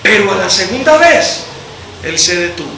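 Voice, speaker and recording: A man pastor preaching a sermon in a church hall, impassioned and alternating between loud and soft. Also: sits high, sing-song, moderate pace, vocal fry, a little hiss or hum. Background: congregation answering.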